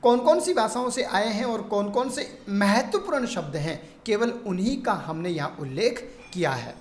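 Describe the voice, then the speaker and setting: A woman teaching a grammar lesson, explaining terms and reading long word lists in a steady teaching tone. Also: mid-range voice, moderate pace. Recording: echoey room.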